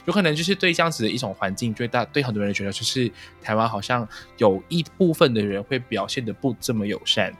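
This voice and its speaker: A man hosts a relaxed podcast conversation in a Taiwanese accent. His voice sits at an average pitch, and he slips in occasional English words. Music plays faintly behind him. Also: fast talker, few pauses. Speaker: podcast host. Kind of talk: casual conversational interview.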